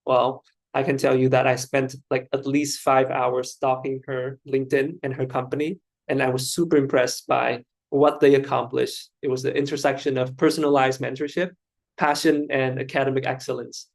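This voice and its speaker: A chatty man from Vietnam hosts an online webinar as moderator, speaking in a flat, gravelly, mid-range voice. He is self-deprecating and uses frequent fillers, and the audio comes through a video call.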